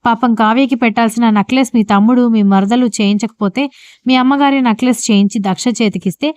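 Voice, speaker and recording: A woman's voice: a little high, fairly even intonation, fast, darkish tone, no room sound, close to an everyday voice. A woman voicing a scheming, accusing sister-in-law in a read-aloud audio story. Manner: accusing, dramatic.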